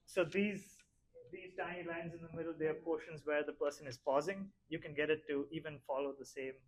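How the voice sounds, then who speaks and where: A man's voice: on the high side, fairly even intonation, fairly quick. A man presenting a live demo, explaining a voice-cloning tool in an easygoing way.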